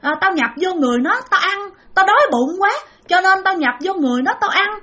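A woman voicing a shrill, starving ghost. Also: lively intonation, fast, full character voice. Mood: defiant. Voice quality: shrill, shouting. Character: hungry ghost possessing a woman, whiny, defiant.

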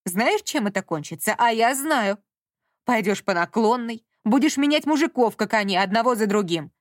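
A woman voicing a domineering, guilt-tripping middle-aged mother who talks down slowly and scolds, in a dry audiobook reading. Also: a little high, expressive, dry recording, close to an everyday voice. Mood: scornful. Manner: slow, scolding and condescending.

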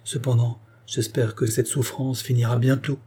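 A man's voice: mid-range voice, level tone, normal speed, warm tone, husky, lightly acted. A man reading an audiobook voices a proud, anguished queen, speaking in a dignified, bitter, commanding way. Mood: melancholy. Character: proud anguished queen, woman, middle-aged. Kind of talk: audiobook character voice.

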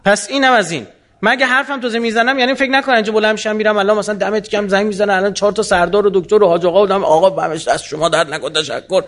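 A man answering audience questions in a colloquial lecture, animated and full of rhetorical questions. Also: high voice.

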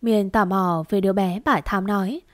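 A woman narrating a romance story in a calm, even storytelling manner. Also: medium pitch, normal speed, no echo, studio quality.

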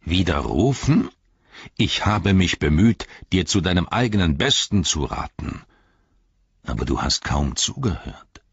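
Guy doing a sly old wizard, deep husky voice, silky then nasty, kinda dull dry audio. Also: sing-song, a little slow, no echo, full character voice. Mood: condescending. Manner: honeyed, then sneering and venomous. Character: scheming old male wizard, silky and scornful.

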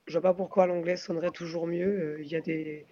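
A woman's voice: on the low side, level tone, fast talker, warm tone. A woman who sings in a band answers an interviewer, weighing each phrase and filling gaps with hesitant fillers. The sound is a little dull and muffled. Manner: thoughtful, searching for words with many fillers. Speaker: singer of a post-metal band.

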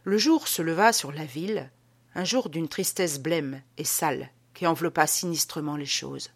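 A woman narrating a classic novel aloud in a measured, expressive storytelling manner. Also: low-pitched, husky. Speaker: audiobook narrator.

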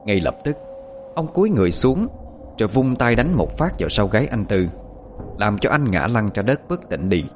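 Lively low-voiced horror storyteller. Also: male voice, moderate pace, slight background noise. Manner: expressive, suspenseful. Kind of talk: scripted horror narration.

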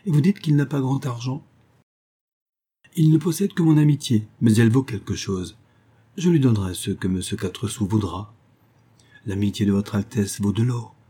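A flattered old provincial lady, fussy and gushing, as a man puts her on in a raised, eager voice. She repeats herself breathlessly for effect. A husky, mellow tone shows through. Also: on the low side.

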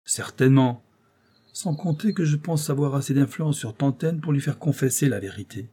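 Reader doing sly older broker, paternal and manipulative, mellow husky tone, raised lively delivery. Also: male voice, mid-range voice, normal speed, voice pushed up, close to an everyday voice. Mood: persuasive. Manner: coaxing, ironic, lecturing. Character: crafty aging male job broker, paternal and scheming. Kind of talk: audiobook character voice.

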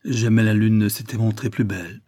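A man narrating a classic novel aloud in a measured, expressive way. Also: on the low side, no room sound, studio quality. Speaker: audiobook narrator. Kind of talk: scripted narration.

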